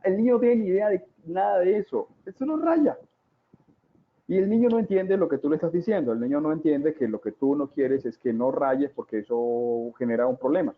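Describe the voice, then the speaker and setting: A man in his forties giving a talk on child development, dramatic and full of rhetorical questions and drawn-out repetitions. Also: fairly high pitch. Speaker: parenting educator. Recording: tinny, phone-like sound.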